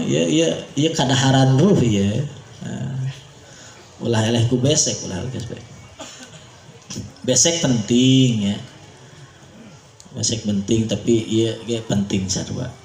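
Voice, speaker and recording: A man with a Sundanese accent preaching a sermon, leading a crowd in call-and-response with an animated voice that swings between high and low. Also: vocal fry. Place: large pesantren gathering. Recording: echoey hall, faint noise.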